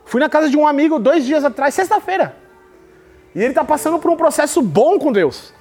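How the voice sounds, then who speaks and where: A man preaching in a devotional podcast, his voice sitting high for a man. He talks with emphasis and tells stories, switching voices to act out the people he quotes. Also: expressive, fairly quick, a little mellow, faint music behind.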